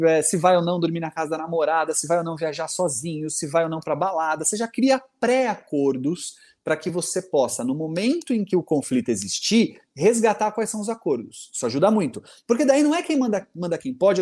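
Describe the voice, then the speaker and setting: A man, co-hosting a podcast and giving parenting advice in a casual, animated way, often acting out the voices in his stories. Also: fairly high pitch. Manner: animated, acts out quoted voices in anecdotes.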